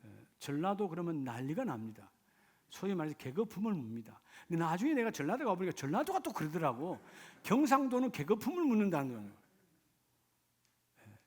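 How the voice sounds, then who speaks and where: A middle-aged male pastor from the Gyeongsang region preaching a sermon in a church, moving between soft personal storytelling and loud, fervent exhortation. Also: fairly high pitch, big pitch swings, fast, slightly rough. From Gyeongsang region, Korea. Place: church sanctuary.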